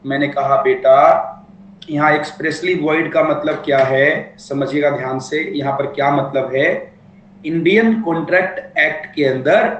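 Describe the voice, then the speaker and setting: A man delivers a classroom lecture in a fairly high voice, joking with his students and stretching out key phrases as he dictates them. The room around him rings with echo. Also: a bit bright. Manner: playful, teasing, dictates points slowly. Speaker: law teacher.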